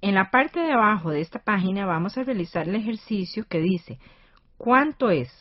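A woman's voice: mid-range voice, expressive, normal speed, no echo, dull audio. A woman with a Costa Rican accent hosting a scripted educational radio lesson.

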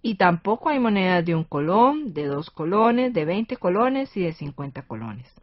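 A woman's voice: fairly low pitch, big pitch swings, normal speed, no echo. Costa Rican woman hosting, dull dry sound. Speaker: educational radio host. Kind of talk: scripted lesson presentation.

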